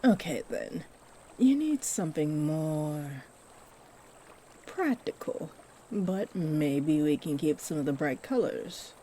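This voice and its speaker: In a fantasy audio roleplay, a woman plays a kindly, doting fairy who gives magical makeovers, speaking to the listener in a low, mellow, unhurried voice that swoops expressively. Animated, delighted and encouraging, she gently fusses and uses sweet endearments. Faint stream ambience and a little hiss or hum sit in the background.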